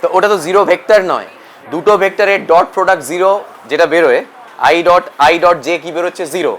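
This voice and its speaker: A man's voice: high voice, quick pace, fairly bright tone. A male physics teacher with a Bengali accent lecturing a class, mixing Bengali and English and quizzing students.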